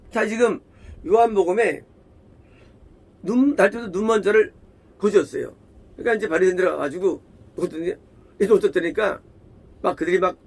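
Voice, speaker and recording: Husky, high-voiced Korean pastor preaching. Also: male voice. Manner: emphatic, repeats phrases, asks rhetorical questions. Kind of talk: sermon.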